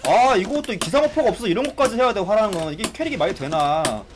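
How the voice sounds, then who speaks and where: A man giving excitable live commentary on a fighting game, exclaiming and complaining as he plays. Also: high-pitched, fast, noisy background. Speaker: gaming streamer.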